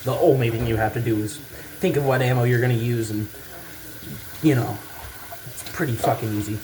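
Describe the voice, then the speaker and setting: Male gaming commentator, average pitch, unscripted and meandering, hesitant, casually sweary; noticeable hissing, water-like background noise. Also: fairly even intonation, brisk. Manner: casual, rambling, hesitant thinking aloud. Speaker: gaming video maker. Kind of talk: rambling unscripted game commentary.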